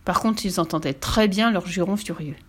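A woman narrating a children's storybook in a calm, steady way. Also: on the low side, moderate pace, breathy edge. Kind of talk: storybook reading.

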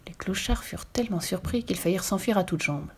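A woman reading a children's story aloud with lively, expressive storytelling. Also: lowish voice, quick pace, husky.

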